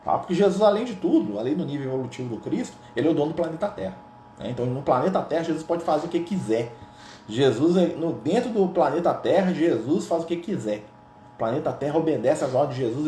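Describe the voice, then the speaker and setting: A slightly high voice with a dark tone and lively intonation comes from a man teaching a gospel study at a quick pace in a Brazilian Portuguese accent. He keeps it informal and conversational, regularly closing phrases with tag questions. Roomy echo and a little hiss or hum color the recording.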